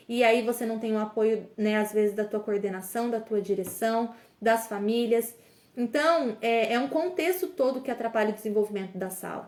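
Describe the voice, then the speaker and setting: A woman's voice: on the high side, darkish tone, roomy sound. A woman from Brazil hosting a motivational podcast, speaking earnestly and straight to the listener, with frequent fillers. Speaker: podcast host and coach for teachers.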